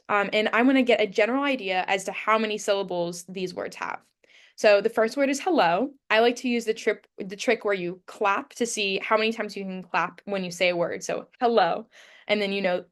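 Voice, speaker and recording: Young woman, student presenter, mid-pitch, explains then counts words out slowly. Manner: demonstrates slowly, counting syllables aloud. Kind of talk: class presentation, mock teaching.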